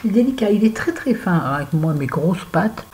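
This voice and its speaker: A woman's voice: on the low side, lively intonation, normal speed, darkish tone, a little hiss or hum, rough recording. A French woman chatting casually through a make-up tutorial, talking to viewers and to herself as she works. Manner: chatty, talks to herself while working. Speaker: beauty vlogger.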